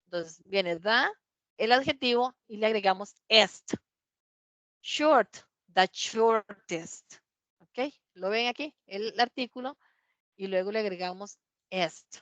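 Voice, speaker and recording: A woman English teacher walks a class through grammar rules, patient and steady, circling back to check everyone is following. Her voice sits at an ordinary middle pitch. The recording is dry and a little dull, like a lo-fi classroom capture. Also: a little slow, no room sound. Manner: patient, repeats key points, checks understanding with "¿verdad?".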